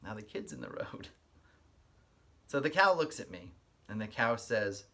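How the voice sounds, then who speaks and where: With a lowish voice and a measured pace, a male kindergarten teacher gives an expressive read-aloud. He walks his young listeners through things in simple terms.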